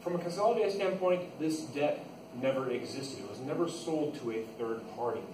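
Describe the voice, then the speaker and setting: A man teaching accounting holds an informal class session, going through the steps in order and repeating the key points. His mid-range voice moves at a moderate pace. A distant microphone records him in an echoey, noisy room.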